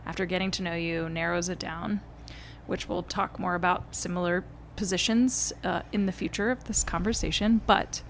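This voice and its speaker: A woman's voice: fairly low pitch, steady tone, normal speed, a little hiss or hum. A woman hosting a podcast, asking questions in a friendly way and laughing easily. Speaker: podcast host. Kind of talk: conversational interview.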